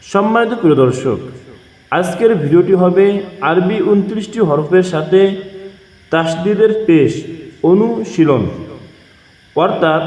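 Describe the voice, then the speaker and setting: A man teaching Quran reading, patiently drilling letter sounds slowly and asking viewers to repeat after him. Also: sits high, dull audio. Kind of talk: slow drilled recitation lesson. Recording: echoey room with long reverb.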